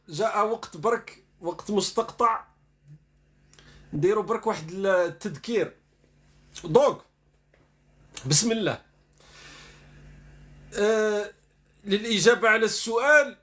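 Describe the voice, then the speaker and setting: A man's voice: high-pitched, a little slow, pauses often, a bit bright. A man giving sarcastic online commentary, reading news dispatches aloud and then mocking them.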